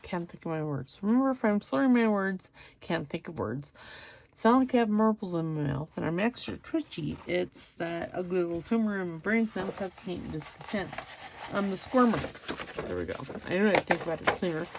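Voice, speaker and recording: A woman's voice: medium pitch, expressive, a little fast, darkish tone, slight background noise. A middle-aged woman hosting a casual craft tutorial, chatting and making self-deprecating asides as she works at her table. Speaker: craft channel host.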